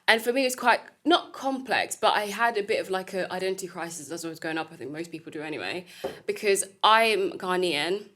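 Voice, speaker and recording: A woman's voice: lowish voice, lively intonation, fairly quick, fairly bright tone. A young woman who grew up in Italy, a student, chatting thoughtfully and laughing easily on a podcast. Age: young adult. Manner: giggly, thoughtful, apologetic. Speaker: student guest. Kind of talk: casual podcast chat.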